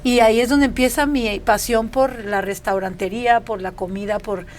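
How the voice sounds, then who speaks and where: Slight background noise accompanies a middle-aged woman from Mexico who founded a restaurant and works as a chef. Speaking as a guest in a casual interview, she chats anecdotally about her story in a slightly high, steady voice at a moderate pace.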